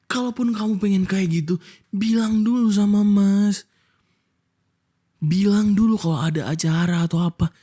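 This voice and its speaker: A man's voice: high voice, normal speed, pauses often, mellow. A young Indonesian man in a whispered role-play as a husband, scolding his wife with hurt reproach.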